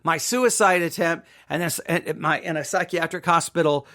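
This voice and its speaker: A middle-aged podcaster from Texas, United States, relates a personal story in an emphatic, repetitive way, often tossing in "right?" for agreement. His voice is on the high side with a sharp tone, at a moderate pace.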